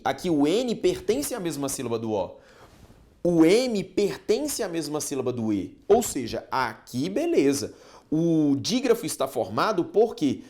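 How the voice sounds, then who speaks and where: A man from Brazil teaching an exam-prep grammar lesson, speaking animatedly and checking in with his students often. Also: on the high side. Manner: animated, addresses students directly with frequent check-ins. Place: online course studio.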